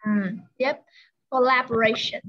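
A woman tutoring a pupil one-on-one in English vocabulary, saying each word slowly and carefully for the pupil to repeat. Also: on the high side, level tone, lo-fi sound. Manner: slow, careful word-by-word pronunciation modeling.

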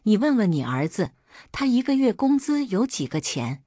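A woman voicing a gruff, domineering older father-in-law who barks orders. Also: mid-range voice, sing-song, moderate pace, dark tone, no room sound, studio quality, pitched above the performer's own voice. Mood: angry. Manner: barking, scolding.

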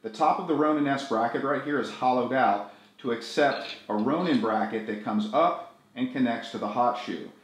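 A man's voice: medium pitch, normal speed. Middle-aged man explaining gear in echoey room. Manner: friendly, clear step-by-step explaining. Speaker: video tutorial host. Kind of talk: gear how-to tutorial. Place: small room indoors, echoey.

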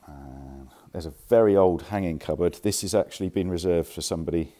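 Man, deep voice, mellow tone, chatty furniture dealer, handheld phone in a warehouse. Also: a little fast. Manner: chatty, informal, self-correcting. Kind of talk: casual walkthrough of stock. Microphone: handheld phone camera.

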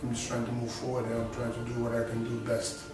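Talking fast in a completely flat, mid-range voice, a Senegalese man who is both a boxer and a rapper rambles through a casual on-camera self-introduction, often repeating and restarting phrases. He's indoors against a studio backdrop. The sound is distant and very echoey, with music in the background.

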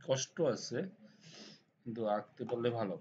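A hoarse man with a cold walks through a design software tutorial step by step, often checking that the viewer is following. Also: mid-range voice, fairly even intonation, moderate pace. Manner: step-by-step instructions with frequent checks like "ঠিক আছে?". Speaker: computer design instructor. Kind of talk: screen-recorded software tutorial. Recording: dull lo-fi recording with faint noise.

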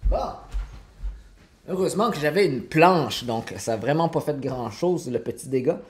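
A man's voice: on the high side, lively intonation, normal speed. A man from Quebec speaks with a Québécois accent, talking loosely and full of fillers as he cooks in his home kitchen. He chats to viewers as he goes, recorded by a camera on the counter. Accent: Québécois French. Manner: chatty, many fillers, answers chat viewers. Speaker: cooking livestreamer. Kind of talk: casual live cooking stream. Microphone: fixed camera on counter.

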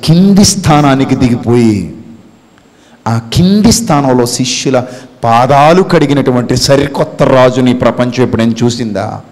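A man preaching an impassioned sermon with a Telugu accent, swinging from hushed tones to shouts and acting out quotes. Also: medium pitch, expressive, moderate pace. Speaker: pastor. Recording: long hall reverb.

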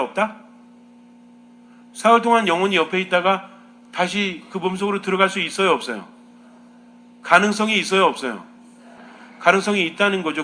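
Man, priest, homily, questioning teaching tone, fairly high voice, faint background hum. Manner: asks the listeners many questions, lively teaching tone.

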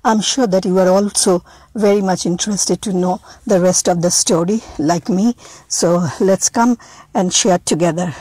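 A woman reading a storybook aloud in a slow, deliberate manner, addressing listeners as a storyteller. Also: fairly high pitch, a little mellow, breathy edge, no echo, rough recording.

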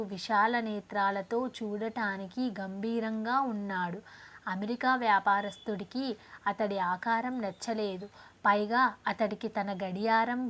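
A woman reading moral stories aloud to her channel in a measured, storytelling manner. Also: mid-range voice.

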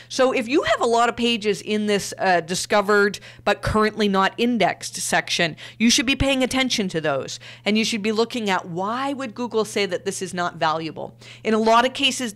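A woman's voice: medium pitch, fairly bright tone. A woman hosting a solo podcast, talking casually with frequent fillers and restarts. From Canada. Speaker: podcast host.

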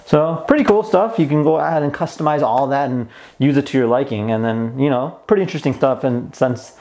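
Sitting at a table in a plain room, this twentysomething toy review host demos a product hands-on in a relaxed, mildly excited way. His mid-range voice is brisk and a little mellow.

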